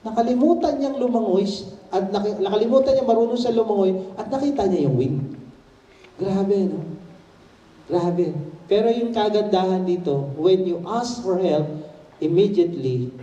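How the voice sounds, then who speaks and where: A man preaches with high, mellow tones and plenty of animation, building his sermon like a story and shouting at its peaks. The sound carries the echo of a roomy church hall, picked up from a distance. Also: moderate pace, muffled recording. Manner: animated storytelling preacher, mixing Tagalog and English, rising to shouts. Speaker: pastor. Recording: echoey church room, mic at a distance.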